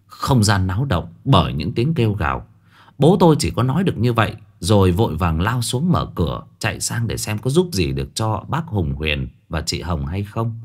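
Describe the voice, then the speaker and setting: A man's voice: deep voice, very animated, moderate pace. A man narrating a first-person horror story in a dramatic, tense way. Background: faint music.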